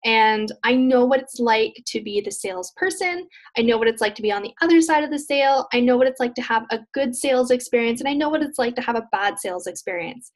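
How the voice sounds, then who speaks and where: A woman's voice: on the high side, lively intonation, quick pace, hardly any pauses. Chatty earnest woman teaching a webinar. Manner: chatty, earnest, loose and repetitive phrasing. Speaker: business coach presenting a webinar.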